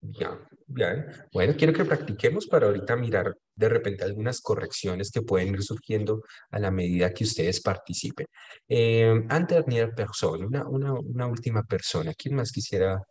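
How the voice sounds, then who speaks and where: Colombian guy teaching french online, lowish voice, says it in french then again in spanish. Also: normal speed, darkish tone. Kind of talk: online language class.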